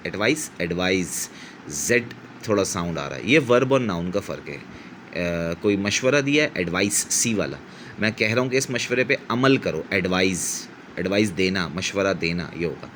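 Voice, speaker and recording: A middle-aged male English teacher from Pakistan with a fairly low voice. He explains word pairs patiently and repeats each one aloud to model the pronunciation. He corrects himself mid-sentence without fuss. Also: very animated, moderate pace, a bit bright, slight background noise. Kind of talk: explanatory vocabulary lesson.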